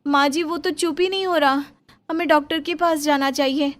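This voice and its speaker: A woman's voice: high-pitched, steady tone, moderate pace, voice pushed up, close to an everyday voice. A woman voicing a worried, frustrated young mother and daughter-in-law in a cartoon story, anxious and pleading. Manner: anxious, pleading, rising to exasperation.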